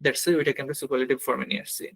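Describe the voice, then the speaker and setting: A man with a Bangladeshi Bengali accent teaching an online grammar lesson, explaining step by step, asking questions and answering them himself, pausing as he writes. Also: medium pitch, flat delivery, gravelly, fairly bright tone, breathy edge. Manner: writes on a board while talking, with pauses and restarts.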